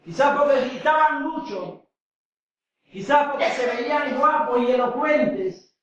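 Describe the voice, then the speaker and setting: Male pastor, very high voice, booming sermon, heavy hall echo. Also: animated, unhurried, dull audio. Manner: preaching, shouts at peaks. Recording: echoey hall from far off.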